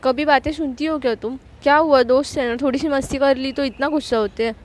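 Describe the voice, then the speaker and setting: A woman puts on a middle-aged mother who scolds and insists in a fairly high voice. She nags her own daughter while doting on the visitor, never letting up. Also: steady tone, fast, a little hiss or hum, close to an everyday voice. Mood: scolding.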